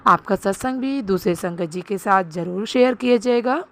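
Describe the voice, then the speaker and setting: A woman's voice: mid-range voice, normal speed. A woman host reading a formal scripted announcement for a devotional channel.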